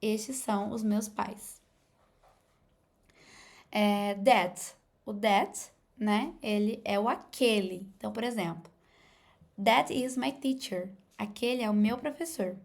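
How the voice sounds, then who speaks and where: A young woman with a Brazilian Portuguese accent, a native Portuguese speaker, giving a casual English lesson and pausing often to correct herself. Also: mid-range voice, gravelly. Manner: hesitant, many fillers and restarts. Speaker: English teacher.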